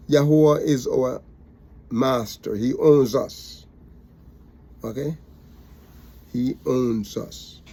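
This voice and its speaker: A man's voice: mid-range voice, creaky, dark tone. A man teaching a Bible study, repetitive and emphatic, with many fillers.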